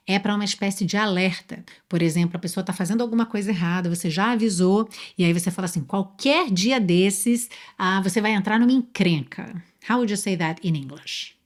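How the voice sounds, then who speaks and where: A Brazilian woman teaching an online English lesson, explaining patiently, spelling words out slowly and asking the viewer questions. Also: lowish voice. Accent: Brazilian Portuguese.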